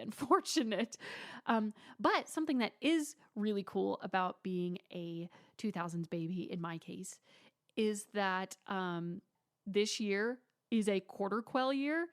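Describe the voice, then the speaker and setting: A woman in her twenties hosting her own podcast, chatting casually and dramatically with playful asides and mock whispers. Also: medium pitch. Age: 20s. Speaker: podcast host. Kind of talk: casual solo podcast chat.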